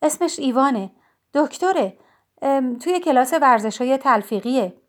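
A woman voicing a soft-spoken, hesitant young man, the brother in an audiobook. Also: sits high, expressive.

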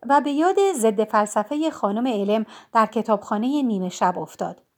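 Audiobook narrator, woman, high voice, calm even storytelling. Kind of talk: scripted narration.

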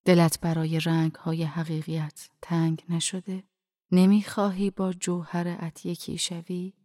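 A calm, firm old dervish, as a woman reads him. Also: on the low side, dry recording, clean studio sound, close to an everyday voice. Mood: gentle earnest. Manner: quiet, firm but gentle, often half-whispered. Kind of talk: audiobook narration.

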